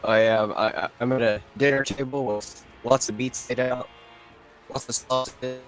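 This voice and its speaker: A man's voice: mid-range voice, fairly even intonation, faint music behind. Man's voice cutting out on a choppy call. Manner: halting, restarts his words. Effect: choppy, breaking-up online call audio. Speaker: player. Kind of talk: describing his character's vision.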